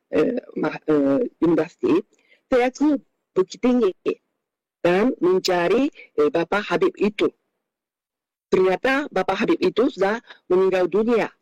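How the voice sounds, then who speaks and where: High-pitched Japanese man speaking Indonesian as a foreigner. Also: darkish tone, no echo, poor audio. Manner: foreigner speaking Indonesian, halting with frequent hesitation sounds. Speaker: professor giving a talk. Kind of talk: unscripted lecture with personal anecdotes.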